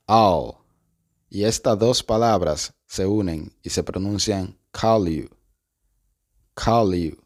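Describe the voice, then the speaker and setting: Slow, low-voiced man teaching pronunciation. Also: darkish tone. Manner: patient, repeats each word twice. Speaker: English teacher. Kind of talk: slow step-by-step pronunciation lesson.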